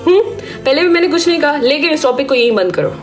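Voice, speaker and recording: A woman with a hoarse, sore-throated voice delivering a stern warning rant to her live-stream viewers, scolding them and asking "okay?" after each point. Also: sits high, animated, quick pace, soft background music. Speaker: social media creator on a live stream.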